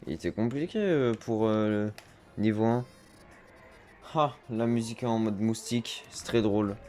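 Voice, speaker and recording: A man's voice: fairly low pitch, unhurried, warm tone. A man giving chatty let's-play commentary as a gaming streamer, reacting aloud to the game and dropping English slang.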